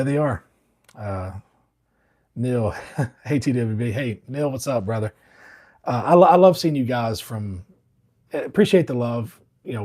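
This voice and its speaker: In a fairly low, darkish voice, a man from Alabama hosts a barber livestream while feeling a bit under the weather. He chats casually and reads out comments, rambling in a laid-back way with lots of fillers and restarts.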